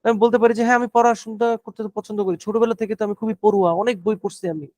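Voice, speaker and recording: A man coaching a speaking class, talking slowly and stressing each word. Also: sits high, steady tone, a little mellow, dry recording. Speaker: IELTS speaking tutor.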